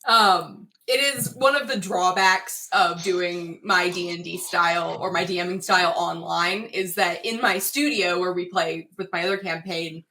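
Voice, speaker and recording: A woman's voice: on the low side, unhurried, hardly any pauses, bright, forceful tone. A woman running a tabletop game as dungeon master, chatting casually between scenes and laughing easily.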